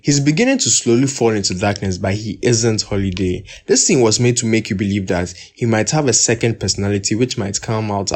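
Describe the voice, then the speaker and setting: Man, somewhat low voice, movie recap voice-over, measured narration, casual asides. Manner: steady, measured plot retelling with personal asides. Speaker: film reviewer.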